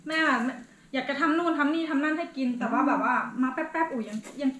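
A woman hosting a family vlog, a chatty mother who talks quickly and fusses over her child at home. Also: high-pitched. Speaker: host mother. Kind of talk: casual family chat. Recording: echoey room with loud noise.

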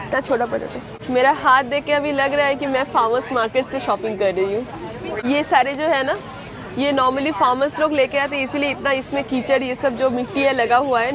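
A vlogger from India in her thirties, whose voice sits high, chats with her audience while shopping for vegetables at an outdoor farmers market. She handles produce as she talks casually, captured on a handheld camera amid crowd chatter.

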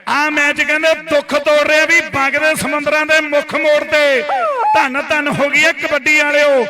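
A man's voice: very high voice, little pitch movement, bright, forceful tone. A man with a Punjabi accent giving frantic rural sports commentary, chanting and repeating words over and over. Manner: chanting, rapid-fire repetition of words. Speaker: kabaddi commentator. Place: outdoor village sports ground. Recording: outdoor PA with crowd noise.

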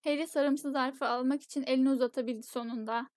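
A woman reads a novel aloud as an audiobook in steady, measured storytelling. Her voice sits high, and the recording is dry and close with no room sound. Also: dry recording. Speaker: audiobook narrator. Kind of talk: audiobook narration.

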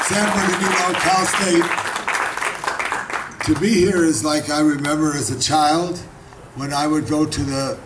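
A raspy older man from Los Angeles, United States, addresses a crowd at a nighttime garden party as guest speaker at a community reception, his voice on the high side. He gives a warm, effusive informal speech that rambles and repeats itself. A distant camera catches him at a handheld mic on a stand, amid crowd chatter and slight background noise.

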